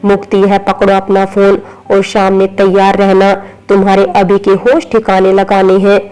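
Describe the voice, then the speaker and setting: A woman's voice: mid-range voice, monotone, normal speed, a little mellow, smooth, close to an everyday voice, low-quality recording. A woman voicing a stern, commanding young wife. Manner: curt and commanding.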